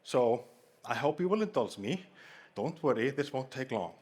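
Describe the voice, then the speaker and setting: An Icelandic man with an Icelandic accent gives a playful, jokey talk on a conference hall stage, bantering with the live audience. His mid-range voice is a little mellow with a breathy edge, and his intonation is lively at a moderate pace.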